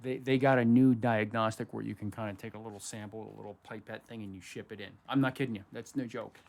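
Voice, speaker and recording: A man's voice: on the low side, fairly even intonation, fast, creaky. A man in his fifties, a band member guesting on a radio talk show, tossing in dry jokes. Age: 50s. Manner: dry joking asides. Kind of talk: casual studio chat.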